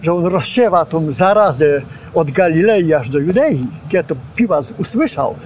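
An older man with a high voice recalls his teachers with lively, gesturing storytelling. He stands outdoors and is picked up on a boom microphone, with faint ambient noise around him. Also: moderate pace. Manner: animated storyteller, gestures while speaking, acts out quotes. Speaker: former student and preacher recalling his teachers. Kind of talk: reminiscing interview. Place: outdoors on a campus lawn.

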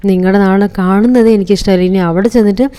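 A woman's voice: mid-range voice, fairly even intonation, fast talker, warm tone, smooth, lightly acted. A woman doing a nosy, spiteful mother-in-law. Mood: complaining. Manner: complaining, gossipy.

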